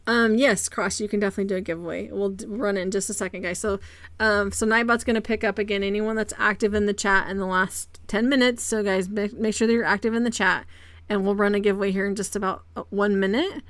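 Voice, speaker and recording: A woman streaming a game live, chatting casually with her viewers and greeting them by name, with a quick excitable streak and repeated exclamations. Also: medium pitch, no room sound. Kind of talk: casual live-stream chat while gaming.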